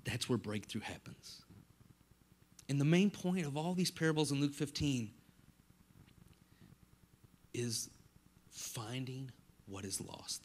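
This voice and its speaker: A man preaching a sermon in a church, moving between hushed, quiet passages and loud, impassioned ones, with the occasional self-deprecating aside. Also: medium pitch. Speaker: guest pastor. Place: church sanctuary.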